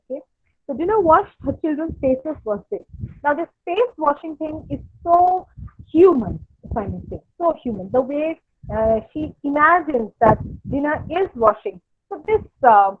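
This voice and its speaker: A woman giving an online literature lecture, hesitant and full of fillers and restarts. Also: high-pitched. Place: home, online workshop. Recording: dry, tinny phone-like audio.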